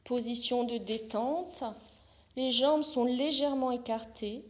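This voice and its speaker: Speaking in a fairly high register, a woman who is a yoga therapist talks listeners through a yoga nidra relaxation. Each instruction is short and soothing, delivered very slowly and calmly with room left after it.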